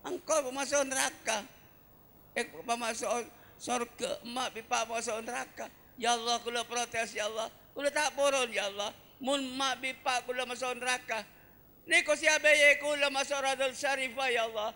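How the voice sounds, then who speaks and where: A man voicing a young child who pleads tearfully to God in high, plaintive wails. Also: fairly even intonation, normal speed, pushed and bright, long reverb tail, a little hiss or hum, heavily acted. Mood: pleading. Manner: high plaintive wailing pleas.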